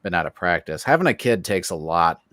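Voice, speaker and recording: A man co-hosting a podcast, easygoing in casual chat and quick with short agreements. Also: low voice, sing-song, fairly bright tone, dry recording. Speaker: podcast co-host.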